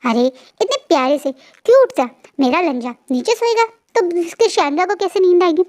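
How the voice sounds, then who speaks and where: A woman voicing a playful, teasing young man who banters and coaxes in a high voice. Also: expressive, moderate pace, a little mellow. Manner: coaxing, bantering.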